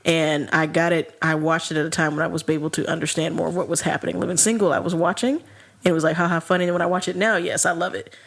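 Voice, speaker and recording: A woman co-hosting a podcast, chatting in a casual, animated way and saying "like" a lot. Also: low voice, quick pace, gravelly. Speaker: podcast co-host. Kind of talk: casual chat.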